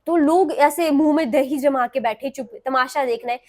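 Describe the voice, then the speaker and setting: A young adult woman from Himachal Pradesh, a guest on a talk show, telling a personal story in an animated way and acting out what others said. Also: high voice, normal speed. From Himachal Pradesh, India. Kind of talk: recounting a personal story in an interview.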